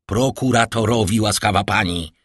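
A man reading an audiobook, voicing a cold, stern prosecutor who accuses his wife in a slow, cutting manner. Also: lowish voice, fairly bright tone, slightly rough, no room sound, studio quality. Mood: icy. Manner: icy, cutting, slow and menacing. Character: cold stern male prosecutor, middle-aged husband. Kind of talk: audiobook character voice.

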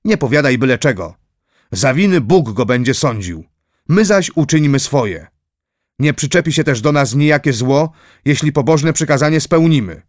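A man's voice: medium pitch, animated, moderate pace, dry recording, studio quality, pitched above the performer's own voice, natural voice. A man voicing a pious, resolute young noblewoman in an audiobook reading, speaking earnestly and firmly. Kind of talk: audiobook character voice.

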